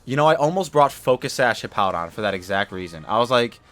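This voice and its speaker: A man giving casual, chatty commentary over his own Pokemon battle from a room at home, relaxed and drowsy after a nap, with lots of fillers and sudden loud excited outbursts. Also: medium pitch, quick pace, faint music behind.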